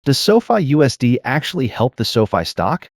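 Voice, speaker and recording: A man's voice: medium pitch, sing-song, a little fast, dry recording, clean studio sound. A man hosting as a parody news anchor, reading scripted comedic narration in a mock-serious way. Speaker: host of a weekly fintech parody news show.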